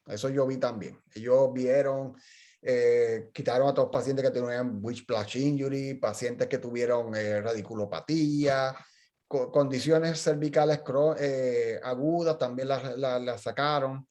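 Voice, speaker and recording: A man's voice: medium pitch, fairly even intonation, measured pace, darkish tone. A middle-aged man, a physical therapist, talking casually in a journal club discussion and telling stories with frequent restarts. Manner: chatty storyteller, explains with frequent restarts.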